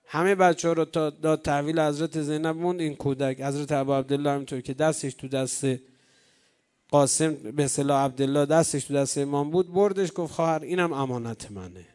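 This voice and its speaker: A man's voice: on the high side, fairly even intonation. Emotional man preaching a mourning sermon. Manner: emotional, swells from hushed to loud, slow sung lament. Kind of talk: mourning sermon, storytelling that turns into chanting.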